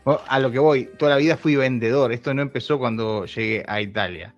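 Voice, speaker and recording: A man's voice: medium pitch, brisk. A Uruguayan man in his thirties, a YouTuber talking candidly in an interview, laughing often and restarting his sentences. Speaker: YouTuber guest. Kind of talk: casual interview chat. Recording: dull lo-fi sound with faint music.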